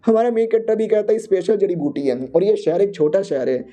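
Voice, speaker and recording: A man's voice: high-pitched, a little fast, dark tone. A man narrating a comic story casually, in a slangy, jokey, conversational way.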